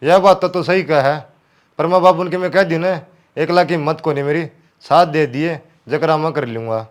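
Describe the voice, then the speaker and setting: An actor playing a grown village son who speaks in a worried, pleading way with a Haryanvi accent. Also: male voice, fairly high pitch, moderate pace, close to an everyday voice.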